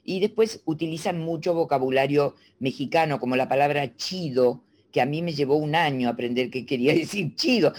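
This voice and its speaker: A middle-aged woman from Argentina, a speech coach explaining diction in a teacherly, animated way and demonstrating sounds. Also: deep voice, a little fast, few pauses. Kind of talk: interview guest explaining.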